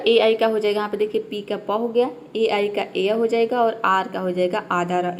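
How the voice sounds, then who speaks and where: A woman with a fairly high voice leads a pronunciation lesson, breaking each rule into small steps. She keeps asking a question and then answering it herself. A faint hiss sits under the recording. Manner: explains step by step, asks and answers her own questions. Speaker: English teacher. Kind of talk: classroom-style pronunciation lesson.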